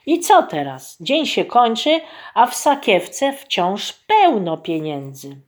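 A good-natured young cobbler's apprentice, as a woman puts him on, speaks plainly and eagerly. The voice stays close to her own, slow and lively in pitch, in a storybook telling. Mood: puzzled. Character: young shoemaker apprentice boy, simple and kind.

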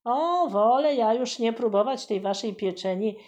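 A woman voicing a stern, dignified male governor in a storybook reading, making measured pronouncements. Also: fairly high pitch, animated, darkish tone, dull audio, natural voice.

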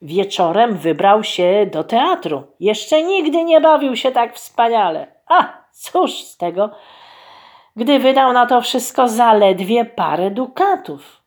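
Unhurried, expressive woman storyteller. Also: on the high side. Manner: expressive, unhurried, addressing children. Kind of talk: children's fairy-tale narration.

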